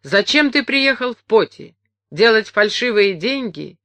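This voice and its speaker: A woman voicing a quarrelsome but good-natured old man who scolds and then calms down. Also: fairly high pitch, measured pace, no room sound, pitched above the performer's own voice, full character voice. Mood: angry. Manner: sharp and scolding, then tired and soothed. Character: hot-tempered old Georgian man, grumbling.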